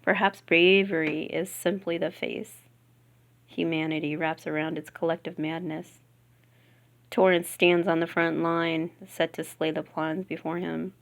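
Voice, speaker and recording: A woman reading a novel aloud, softly and often half-whispered. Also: low-pitched, little pitch movement, a little slow, vocal fry. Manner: soft, half-whispered reading with giggles at slips. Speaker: reader.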